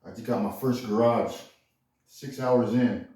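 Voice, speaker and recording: A man's voice: medium pitch, fairly even intonation, a little slow, warm tone. A man in his garage rambling casually about rebuilding an engine, blunt and profane, saying "you know" constantly. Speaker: home mechanic vlogger. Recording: echoey garage, far from mic.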